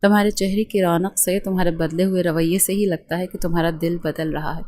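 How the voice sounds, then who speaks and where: A woman's voice: fairly low pitch, steady tone, darkish tone, natural voice. A woman voicing a young husband earnestly confessing his love to his wife in a storybook reading. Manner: earnest, heartfelt.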